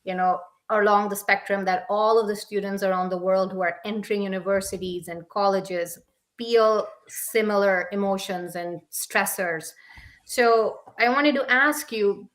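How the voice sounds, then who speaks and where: A woman's voice: medium pitch, steady tone, unhurried, a bit bright. A young woman hosting a live interview show over a video call, friendly and repeating words for emphasis. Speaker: podcast host.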